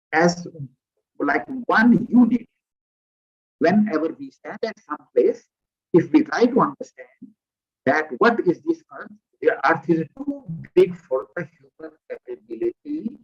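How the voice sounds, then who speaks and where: A man's voice: high voice, slightly rough. Man lecturing over a muffled call. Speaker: visiting lecturer. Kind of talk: online lecture. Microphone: headset. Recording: muffled lo-fi video call audio.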